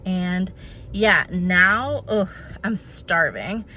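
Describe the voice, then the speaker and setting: Speaking at a fairly low pitch and drawing out her words, a woman in her thirties vlogs casually to camera in a bright, forceful tone. She's chatty and bubbly with a slightly congested sound and self-deprecating asides, filming out and about, in the car, and at home, with slight background noise and poor audio.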